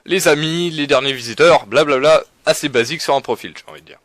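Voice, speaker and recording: A man's voice: fairly high pitch, quick pace, fairly bright tone, dry recording. A young man giving a casual, rambling walkthrough of a game forum, with lots of fillers, restarts and self-mocking asides. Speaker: forum guide presenter. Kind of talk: casual screen-recorded walkthrough.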